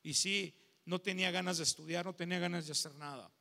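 A middle-aged man with a Mexican accent giving an emotional sermon testimony, swinging from loud to hushed. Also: high voice, fairly even intonation, fast talker, gravelly. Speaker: pastor. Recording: long hall reverb.

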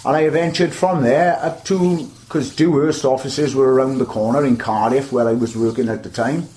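A man's voice: medium pitch, fairly even intonation, moderate pace, dark tone. An older man with a South Wales Valleys accent, reminiscing in a chatty, rambling way as an interview guest. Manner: rambling, chatty storytelling with repeated starts. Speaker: interview guest, veteran butcher.

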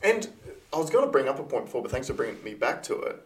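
A man's voice: mid-range voice, very animated, quick pace. An Australian man from Queensland, co-hosting a casual podcast and giving blunt opinions with frequent laughs. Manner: opinionated, laughs often, restarts. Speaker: podcast co-host.

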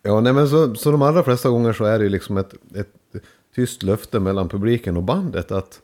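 A man's voice: fairly low pitch, darkish tone. A man who plays in a band, chatting casually in a blunt, joking way, laughing often and swearing freely. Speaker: band member. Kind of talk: casual chat.

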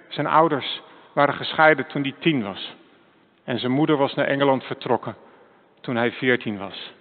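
A man preaching a sermon in an average pitch, speaking earnestly and putting direct questions to his congregation. His voice carries a long church reverb. The sound is thin and tinny, like a phone line. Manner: earnest, direct address to listeners with rising questions. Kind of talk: sermon with personal story.

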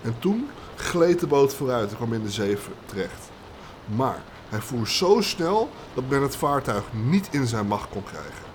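A man co-hosting a podcast, reading a folk tale aloud in a steady, matter-of-fact way with casual banter. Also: mid-range voice, a little slow, a little hiss or hum. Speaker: podcast co-host, storyteller.

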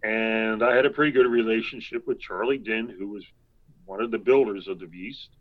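An older man telling long anecdotes as an interview guest, rambling, with quick asides and chuckles. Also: fairly low pitch, narrow, tinny audio. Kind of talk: anecdotal storytelling.

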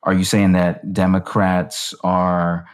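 Deep-voiced curious interview host. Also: male voice, completely flat delivery, takes it slowly. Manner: inquisitive, uses many fillers.

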